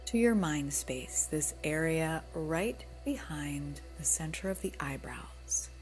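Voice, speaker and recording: A woman with a low voice leads a yoga nidra relaxation meditation, speaking gently, soothingly, and unhurriedly with soft breathy moments.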